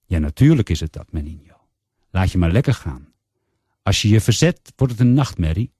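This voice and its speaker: A man voicing a soft-spoken, coaxing male nurse in a story he reads aloud. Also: lowish voice, sing-song, a little fast, breathy edge, dry recording. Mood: soothing.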